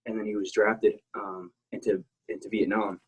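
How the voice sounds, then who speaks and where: A man's voice: on the low side, flat delivery, moderate pace, slightly rough, low-quality recording. A man from South Texas talking casually as a podcast guest, candid and rambling, swearing freely. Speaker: guest, military veteran.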